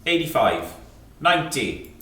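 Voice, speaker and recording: A British man, an antiques auctioneer in an indoor sale room, calls lots and climbing bids in clipped numbers, prompting the room again and again. His mid-range voice is sing-song, unhurried and sharp in tone. The echoey room is picked up by a distant microphone.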